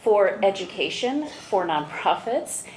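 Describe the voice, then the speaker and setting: A woman's voice: mid-range voice, sing-song, a little mellow. Enthusiastic woman presenting an award. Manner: enthusiastic, brisk. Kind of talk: presentation speech. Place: large event hall. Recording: echoey hall, faint room noise.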